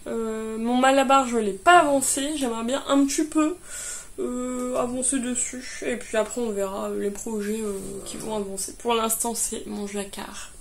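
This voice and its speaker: A woman's voice: on the high side, steady tone, normal speed, a little hiss or hum. Hesitant woman knitter chatting casually. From France. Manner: hesitant, many fillers and restarts. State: tired. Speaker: knitting vlogger. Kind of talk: casual chat.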